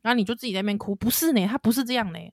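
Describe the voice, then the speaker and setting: A woman in her thirties with a Taiwanese Mandarin accent, co-hosting a casual chat and telling lively stories about being a mother. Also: on the high side, very fast, no room sound, clean studio sound. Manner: animated storyteller, laughs a lot, acts out a crying child. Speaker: podcast co-host, mother.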